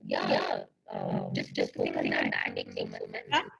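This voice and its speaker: A woman's voice: extremely low pitch, wildly swooping pitch, normal speed, gravelly, fairly bright tone, a little hiss or hum. A woman speaking on a video call, her voice turned robotic and metallic by a glitch. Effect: robotic, metallic glitchy distortion. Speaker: guest speaker. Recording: distorted, distant online call audio.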